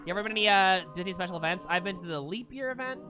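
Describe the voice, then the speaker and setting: A man live-streaming, reacting to videos with excitable, swear-laden casual commentary to his chat. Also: sits high, racing. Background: music from the video he watches.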